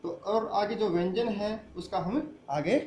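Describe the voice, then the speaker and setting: A man's voice: high voice, measured pace, a little mellow, roomy sound, a little hiss or hum. A man teaching a grammar lesson who asks the class questions and answers them himself. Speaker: school teacher.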